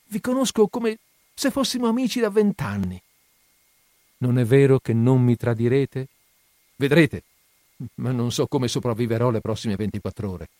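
A man's voice: medium pitch, big pitch swings, normal speed, pauses often, dark tone, no room sound, close to an everyday voice. A man voicing an earnest, guarded young woman in an audiobook reading, speaking in a pleading, candid way.

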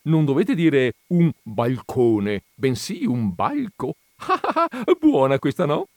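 A jovial gentleman who delights in his own wordplay, his voice lively and leaping upward, as a man reading a story puts him on. The sound is close and dry. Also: medium pitch, measured pace, no echo, voice pushed up. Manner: jovial, cheerfully pleased with own puns. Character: jovial punning male gentleman.

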